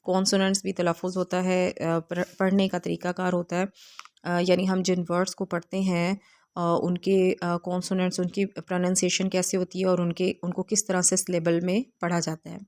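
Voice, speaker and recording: Flat-voiced woman teaching English slowly. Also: on the low side. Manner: slow, careful reading of English lines, explained in Urdu; hesitant fillers while explaining. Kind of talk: video lesson explaining a textbook.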